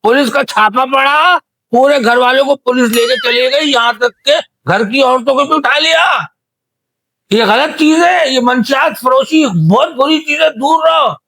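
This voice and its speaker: A man doing a shouting deaf man. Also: very high voice, a little slow, exaggerated voice. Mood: indignant. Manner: shouting, indignant, rambling mishearings. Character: deaf man, loud, rambling, mishears everything. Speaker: guest character in comedy interview. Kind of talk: comedy sketch acting.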